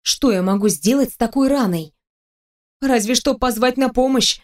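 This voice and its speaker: A woman's voice: a little high, moderate pace. A woman narrates a fantasy audiobook in the first person, telling the story expressively. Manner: expressive storytelling, with the heroine's lines read in her own voice.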